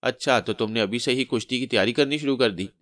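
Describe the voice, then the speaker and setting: A man's voice: medium pitch, fast talker, fairly bright tone, dry recording, studio quality, close to an everyday voice. A man voicing a noblewoman wife who mocks and scolds. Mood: teasing. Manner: mocking, scolding. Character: teasing then stern noblewoman wife.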